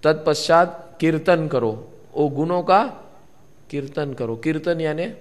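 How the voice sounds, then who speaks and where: A man's voice: a little high, unhurried. A man giving a spiritual discourse to a live gathering, repeating key words and putting questions to his listeners. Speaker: spiritual teacher. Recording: long hall reverb.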